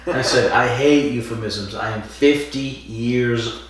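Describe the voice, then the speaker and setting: A man's voice: mid-range voice, a little slow. A man of fifty co-hosting a podcast, chatting casually and lecturing with strong opinions. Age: 50s. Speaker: podcast co-host. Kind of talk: casual chat. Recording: echoey room, mic at a distance, faint noise.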